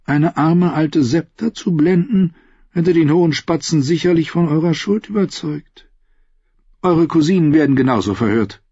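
A man's voice: fairly high pitch, lively intonation, moderate pace, mellow, no room sound, lo-fi sound, voice pushed up. Man voicing a scheming, cool queen mother. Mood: calculating. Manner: smooth, condescending. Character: scheming older queen mother, coolly composed. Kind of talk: audiobook dialogue.

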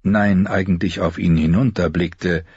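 Male audiobook narrator, low husky voice, measured; dry, dull studio sound. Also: dry recording. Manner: even, measured storytelling. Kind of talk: scripted narration.

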